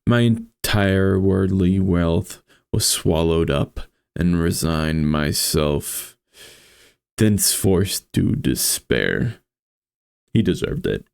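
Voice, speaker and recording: A man with a gravelly voice reads a horror story aloud as a streamer, with casual, foul-mouthed commentary. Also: low voice, lively intonation, slow, darkish tone, no echo, studio quality.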